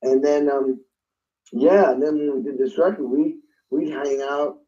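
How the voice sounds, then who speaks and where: A man with a dark, mellow voice tells his story with a lot of life, jumping into other people's voices as he recounts phone calls. The sound is a bit dull and lo-fi. He talks like an easygoing guest in a casual interview. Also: mid-range voice, steady tone, unhurried. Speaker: guest drummer.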